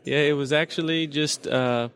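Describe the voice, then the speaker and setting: A man's voice: fairly high pitch, fairly even intonation, normal speed, fairly bright tone. A man being interviewed at a conference, talking casually with many restarts and repeated words. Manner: hesitant, repeats words often. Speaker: guest developer. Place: conference venue.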